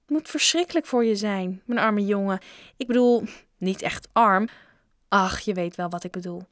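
A woman's voice: medium pitch, moderate pace, dry recording, clean studio sound, natural voice. A woman voicing a kindly old female school dinner lady in a storybook reading, sweet and motherly.

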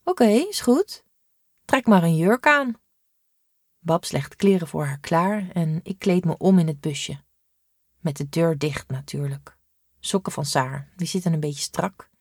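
A woman narrating a children's story in an even, clear reading. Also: deep voice, no echo, studio quality. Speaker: audiobook narrator.

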